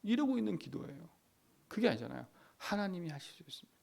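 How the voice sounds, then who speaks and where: A man's voice: high voice, very animated, quick pace, creaky, darkish tone. A middle-aged male pastor preaching at a dawn prayer service, emphatic, with rhetorical tag questions and whispered prayers.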